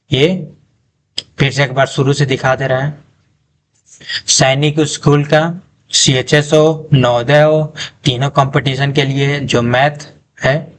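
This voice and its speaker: A man's voice: medium pitch, a little hiss or hum, poor audio. A male math teacher goes through an exam syllabus. He asks each chapter question himself, answers it, and repeats every topic name. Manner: slow and repetitive, saying each topic name twice. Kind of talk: syllabus walkthrough lesson.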